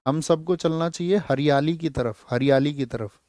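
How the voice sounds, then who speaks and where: A man's voice: on the high side, normal speed, a little mellow, no room sound, studio quality. A man teaching an exam-prep lecture who quizzes his students, answers his own questions and repeats key words so they stick.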